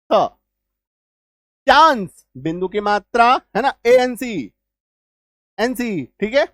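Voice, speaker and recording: A male teacher explaining English spelling rules, spelling out letters slowly and often asking whether the class has understood. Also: sits high, no room sound, clean studio sound. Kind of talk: spoken spelling lesson.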